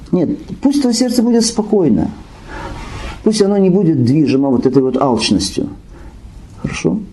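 A man's voice: a little high, dark tone, a little hiss or hum. A man giving a sermon lecture who recites Arabic phrases, explains them, repeats key points and checks in with listeners. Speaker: Islamic preacher.

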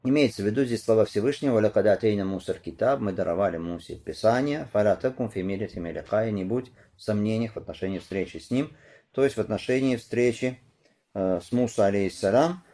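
A man giving a religious lesson, reading Arabic phrases and explaining them in Russian, who rises and grows louder when retelling a narration. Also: lowish voice, fast. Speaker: Islamic religious teacher. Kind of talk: religious lesson commenting on hadith and tafsir.

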